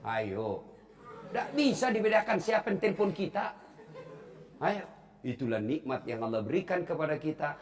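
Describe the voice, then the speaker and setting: A man's voice: fairly high pitch, moderate pace, long pauses. A man giving a humorous sermon to young people, joking and acting out little scenes for the audience. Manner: lively, joking, acts out phone calls. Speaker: preacher.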